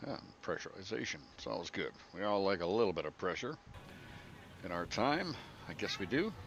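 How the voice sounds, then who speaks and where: Deep-voiced man, animated, jokey gaming commentary. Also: fairly quick, dull audio, faint music behind. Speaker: flight simulator player. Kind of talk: casual gameplay commentary. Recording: clear engine noise behind voice.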